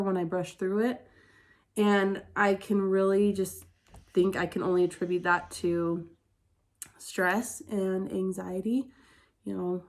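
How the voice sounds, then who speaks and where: A Utah beauty vlogger talks through a casual get-ready-with-me, her medium-pitched, slightly dark voice stuffy and congested from a head cold. She's chatty and candid, dropping "like" constantly.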